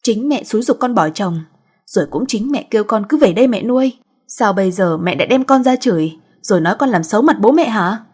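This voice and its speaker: A woman voicing a bitter grown daughter who shouts back accusingly, in a husky voice. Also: mid-range voice, lively intonation, a little fast.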